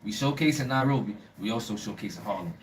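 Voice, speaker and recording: This guest, a travel show creator raised in the United States after being born in Brooklyn to Liberian parents, has a New York accent and a fairly low voice at a quick pace. Chatting casually in an interview, he gets animated and emphatic, laughing a lot and repeating himself as he makes his case. A faraway mic picks up faint background sound.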